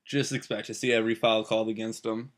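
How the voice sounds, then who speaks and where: A young man co-hosting a casual sports talk show, opinionated and quick to offer theories. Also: lowish voice, little pitch movement. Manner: opinionated, spins conspiracy takes.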